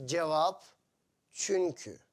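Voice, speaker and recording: A man teaching to foreigners in short, deliberate phrases, repeating simple examples. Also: fairly high pitch, expressive. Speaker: Turkish teacher.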